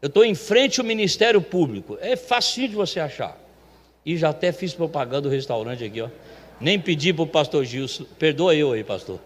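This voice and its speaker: A church elder with a high voice gives a testimony from the pulpit, chatty, animated and brisk, acting out the voices of people in his story. His words ring through the church sanctuary with a long reverb.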